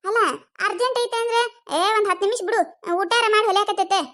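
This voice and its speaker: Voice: very high voice, steady tone, quick pace, a bit bright. A performer voicing a nagging village mother-in-law with a North Karnataka accent in a cartoon comedy. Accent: North Karnataka Kannada. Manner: coaxing, nagging.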